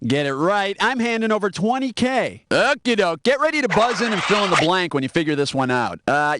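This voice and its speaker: A man's voice: sits high, background noise. A man playing a wisecracking, sarcastic adult quiz show host in a video game, teasing the player with jokes. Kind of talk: scripted wisecracking quiz hosting. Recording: loud game music underneath. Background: loud game show music.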